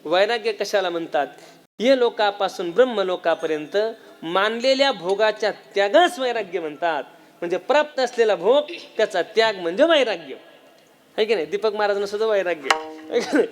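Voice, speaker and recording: A man's voice: high voice, brisk. A man with a Marathi accent preaching a devotional kirtan sermon, telling a story and acting out its dialogue, and putting questions to his listeners. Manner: animated storyteller, acts out dialogue, asks the audience questions.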